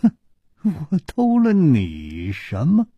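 A male storyteller playing a witty, mocking swordsman hero who teases slowly and jumps up in pitch when surprised. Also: wildly swooping pitch, breathy edge, no echo, lo-fi sound, heavily acted. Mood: teasing. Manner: teasing and drawn out, with sudden surprised jumps in pitch.

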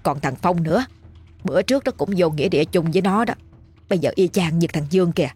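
A frantic, tearful village mother, as a woman puts her on. Her husky voice cries out shrill and panicked in a storybook reading. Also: expressive, quick pace, a little mellow. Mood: pleading.

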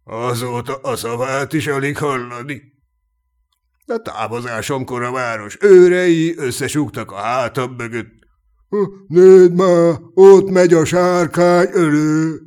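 A man voicing a cynical, sharp-tongued knight of peasant birth in a humorous fantasy audiobook, chuckling and mocking as he tells his tales. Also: on the high side, clean tone, close to an everyday voice. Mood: teasing. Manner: mocking, chuckling, earthy storyteller. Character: cynical boastful human knight, commoner-born, sharp-tongued. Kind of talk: audiobook character reading.

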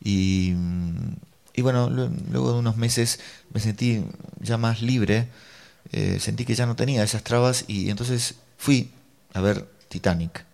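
A man with a Uruguayan accent telling a story, halting at first with many pauses. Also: on the low side, gravelly. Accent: Uruguayan Spanish. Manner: halting and hesitant, then lively and acted quotes. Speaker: storyteller reading his own story. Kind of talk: storytelling reading.

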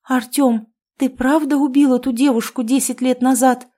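A woman reading the part of a frightened but defiant young mother, her voice high and trembling. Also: normal speed, warm tone, close to an everyday voice. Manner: trembling, then shrill screaming.

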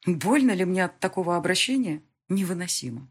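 A woman narrating a first-person audiobook with emotional, intimate delivery. Her voice is low and husky, and her pitch moves widely. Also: very animated, a little fast.

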